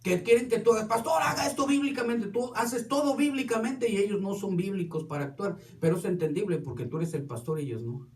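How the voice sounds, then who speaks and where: High-voiced pastor preaching in an echoey hall. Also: male voice, brisk, hardly any pauses, darkish tone. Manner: storytelling with quoted dialogue. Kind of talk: sermon. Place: church hall. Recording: echoey hall, distant mic.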